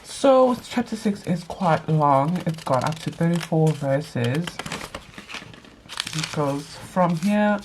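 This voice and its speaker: A young woman whose voice is nasal and stuffed up from allergies leads a Bible study vlog, reading scripture aloud and tossing in quick casual asides. Her voice sits low, and the background is noisy.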